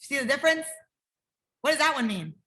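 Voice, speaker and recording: A woman's voice: high-pitched, very animated, brisk, sharp tone. A woman martial arts instructor teaching a kids' life-skills workshop over a video call, upbeat and encouraging as she asks the class questions.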